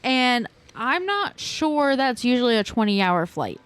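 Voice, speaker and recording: A woman's voice: a little high, unhurried, smooth, faint music behind. Chatty woman co-hosting a game stream. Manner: chatty and expressive, with slangy asides. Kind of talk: casual chat.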